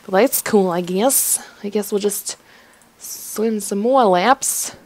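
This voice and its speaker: A woman's voice: medium pitch, slow, no room sound. A young woman with a goofy, chatty, self-mocking manner who gives casual gameplay commentary as a let's play host.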